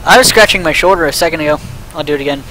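An excitable young man livestreams a game with a friend, joking and reading the on-screen prompts aloud. His voice sits high and sounds bright, with a faint hiss behind it. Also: very fast, low-quality recording. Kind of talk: casual gaming chat.

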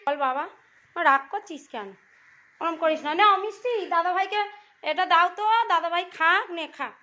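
A woman's voice: very high voice, unhurried, pushed and bright. A woman, a mother, chatting casually at home as she films her children, giving step-by-step orders and coaxing them along. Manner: bossy step-by-step instructions, coaxing. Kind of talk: casual home vlog chat. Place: family home.

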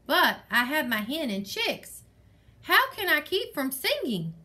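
A woman's voice: high-pitched, big pitch swings, a little slow, pushed and bright, pitched above the performer's own voice, full character voice. A woman voicing a stubborn, brave male rooster while reading a storybook aloud. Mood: defiant. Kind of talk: reading a picture book aloud.

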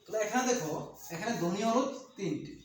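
A man's voice: high voice, lively intonation, fast talker. A man teaching an exam-prep grammar lesson, repeating points and asking and answering his own questions. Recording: echoey room with faint noise.

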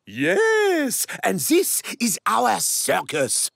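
Grandiose little flea circus ringmaster guy, slow showy announcing, super animated, kids cartoon. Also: medium pitch, creaky, background noise, exaggerated voice. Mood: proud, showy. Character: grandiose male flea circus showman, pompous and theatrical.

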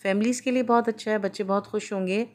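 A woman's voice: medium pitch, fairly even intonation, fast. Upbeat woman vlogging on her phone. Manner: chatty, upbeat, enthusiastic recommending. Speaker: lifestyle vlogger. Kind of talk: casual vlog narration. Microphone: phone camera at arm's length.

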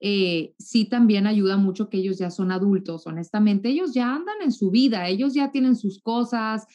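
Northern Mexican woman, 30s, relaxed chatty guest on a webcam call. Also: medium pitch, normal speed, muffled recording. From Mexico, raised in Monterrey. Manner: warm chatty, repeats words when restarting. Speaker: guest, TV journalist. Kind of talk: casual interview chat. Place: home room, indoors. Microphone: video call webcam.

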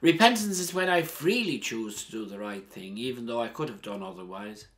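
A man, a priest, giving a sermon in an earnest, emphatic way, with strong rises and falls in pitch and loudness. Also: expressive. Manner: earnest, measured preaching.

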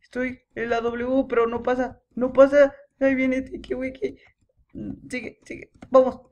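Excitable young male gamer. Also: extremely high pitch, normal speed, dull audio. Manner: excitable, chanting and yelling in panic. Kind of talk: horror gameplay commentary.

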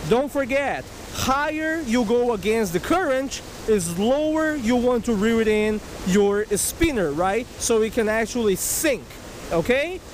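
With an extremely high-pitched voice, a man hosts a casual outdoor fishing lesson beside a rushing creek, animated and repeatedly asking "right?" and "okay?". His body-worn action camera records the constant noise of rushing water.

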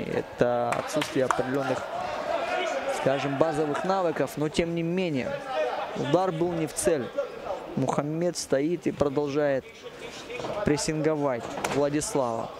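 Male MMA commentator, fairly high voice, halting repeated phrases, over a noisy arena crowd. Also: fairly even intonation. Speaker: fight commentator. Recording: music and crowd noise behind. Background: arena music and crowd.

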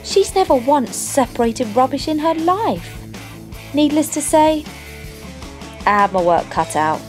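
A young woman with a high, animated voice narrates a comic fairytale at an unhurried pace, playing a sardonic, wry and knowing storyteller. Her scripted, storybook-style voice-over sits over a music bed.

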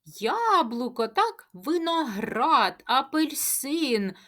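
A woman teaching a speech lesson to preschoolers, asking questions, answering them herself and chanting tongue twisters slowly. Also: sits high, sing-song, fairly bright tone. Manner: sing-song, drawn-out tongue-twister chanting. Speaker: kindergarten teacher.

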